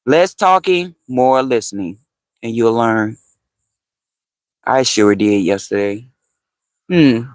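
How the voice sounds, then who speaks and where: Slow-talking man chatting on a livestream. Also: mid-range voice, dry recording. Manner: chatty, answers viewer comments, repeats phrases, laughs often. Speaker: livestream host. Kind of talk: casual livestream chat with viewers.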